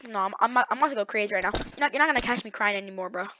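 A young woman gaming creator with a medium-pitched voice gives very fast live gameplay commentary, dramatically talking to herself with slang and lots of repeated words. The mic sounds dry, dull and lo-fi, with background noise.

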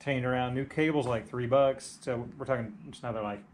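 A man's voice: mid-range voice, steady tone, fairly quick, a little hiss or hum. A young man working as a bike mechanic, explaining a repair in casual shop talk and repeating words as he goes.

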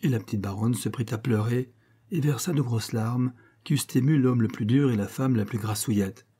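Homme au timbre sombre et voilé. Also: male voice, medium pitch, warm tone, husky. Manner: measured, storytelling. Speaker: audiobook reader. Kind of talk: literary audiobook narration.

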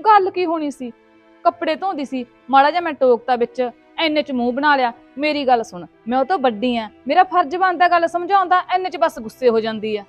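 Lady acting as bossy older sister-in-law, super high pitched, always lecturing. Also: a little fast, faint music behind, close to an everyday voice. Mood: self-righteous. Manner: self-righteous, scolding. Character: bossy elder sister-in-law claiming seniority. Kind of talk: Punjabi family sketch acting.

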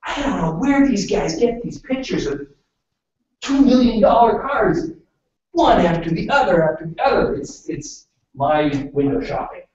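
A man's voice: high voice, very animated, a little slow, darkish tone. Man presenting in an echoey room from afar. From British Columbia, Canada. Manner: chatty, keeps checking in with "okay?". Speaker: workshop presenter. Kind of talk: live classroom presentation. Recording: roomy, distant, dull room recording.

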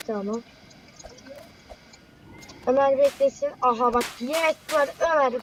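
Brief: high-pitched woman, casual chatty gamer, noisy background. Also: measured pace. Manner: chatty, exclaiming, talks to viewers and teammate. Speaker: gamer playing with a friend. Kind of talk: casual gameplay commentary.

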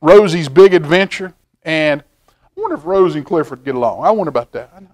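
A middle-aged man with a somewhat high, slightly mellow voice fills in as host of a library storytime, reading a picture book aloud from a table indoors. He talks fast and expressively, tossing folksy asides to the children and repeating phrases to drive them home. There's slight background noise.

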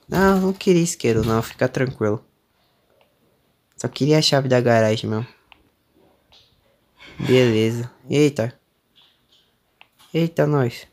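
A young man with a Brazilian accent narrates his way through a horror game. He sounds jumpy and nervous, with frequent startled exclamations. His voice sits in an ordinary middle pitch. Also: darkish tone. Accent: Brazilian Portuguese. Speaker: gamer streamer. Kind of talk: let's play commentary.

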